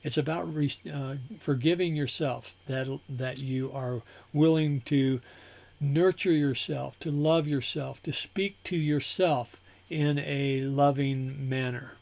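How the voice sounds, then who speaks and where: A man leads a spiritual group discussion at a mid pitch. He asks gentle, open questions and invites answers without pressing anyone. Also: fairly even intonation, takes it slowly, gravelly. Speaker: group facilitator.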